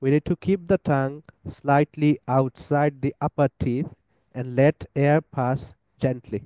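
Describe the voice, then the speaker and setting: A man teaching pronunciation, slipping English sentences in between. His voice is mellow and dark. The sound is dry and close, with no room behind it. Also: medium pitch, fairly even intonation, no room sound. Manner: repeats letter sounds slowly for drilling, mixing in English. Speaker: tajweed teacher. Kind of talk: recorded pronunciation lesson.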